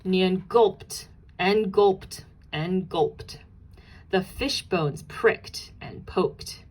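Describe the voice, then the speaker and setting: Slow-paced woman reading a storybook. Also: medium pitch, darkish tone. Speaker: storybook narrator. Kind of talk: expressive children's read-aloud.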